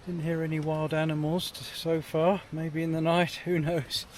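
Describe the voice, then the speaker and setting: A British man casually narrating a camping vlog to camera, musing aloud in an understated, halting way. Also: a little high, level tone. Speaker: solo camping vlogger. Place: outdoors at a windy jungle campsite and inside a tent. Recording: loud wind and outdoor noise. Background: wind and camp ambience.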